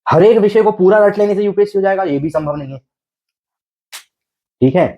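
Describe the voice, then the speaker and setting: A man lecturing students in a coaching class, his voice sitting a little high for a man. He keeps asking rhetorical questions and checks again and again that they follow. His delivery is patient and repetitive. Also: brisk, lo-fi sound. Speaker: teacher.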